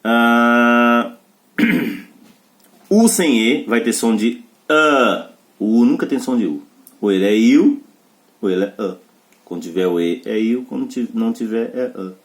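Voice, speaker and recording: A man's voice: medium pitch, animated, slow pace, long pauses. A man teaching a pronunciation lesson. He explains the rules step by step and checks with short questions that students follow. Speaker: English teacher.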